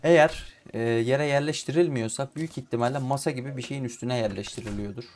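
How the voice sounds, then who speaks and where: A young man with in-ear headphones, chatting casually as he plays and often swearing or shouting at the game. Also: mid-range voice, quick pace, slight background noise. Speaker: gaming YouTuber. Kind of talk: casual let's-play commentary. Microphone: in-ear headphones with mic.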